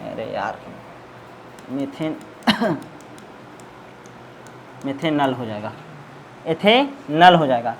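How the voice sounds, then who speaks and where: A man's voice: sits high, a little hiss or hum, rough recording. A man teaching a chemistry class in a classroom, asking students questions and repeating the answers. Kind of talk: classroom lecture.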